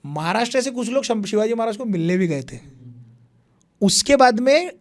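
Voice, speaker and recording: A young man, a history speaker, telling a long story in animated conversation and acting out what people said. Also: high-pitched, normal speed. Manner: animated retelling with repeated phrases, acts out quotes.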